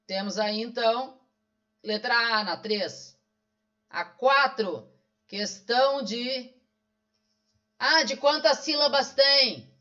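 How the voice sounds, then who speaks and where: In a dull, lo-fi recording, a Brazilian man with a very high voice and a Brazilian Portuguese accent leads an online exam-solving lesson. He goes slowly, leaves long pauses, and has a sharp tone. As a didactic teacher, he poses his own questions and answers them.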